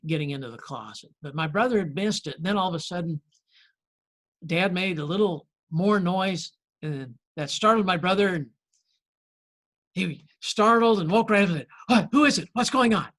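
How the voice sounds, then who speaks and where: A male pastor delivers a conversational sermon, leaning on folksy stories and light humor. His voice sits a little higher than most men's. He talks in a friendly, unhurried way with frequent pauses. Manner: folksy storytelling with gentle humor.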